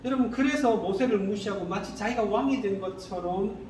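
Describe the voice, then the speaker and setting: Male pastor, sermon, high lively pitch, echoey room with faint hiss. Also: a little fast. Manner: animated, asks the congregation rhetorical questions. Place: church sanctuary. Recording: echoey hall, distant mic, faint noise.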